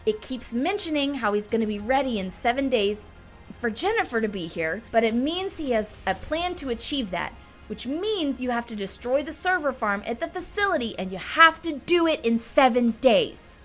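A woman's voice: fairly high pitch, lively intonation, moderate pace, a bit bright, faint music behind. A woman playing a tough, commanding, foul-mouthed survivor leader, blunt and sardonic, in an audio drama. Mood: urgent, commanding.

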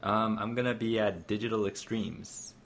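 A young man chatting casually with friends as a podcast co-host, easygoing and quick to laugh at himself. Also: fairly low pitch, fairly even intonation, crowd noise. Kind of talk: casual chat.

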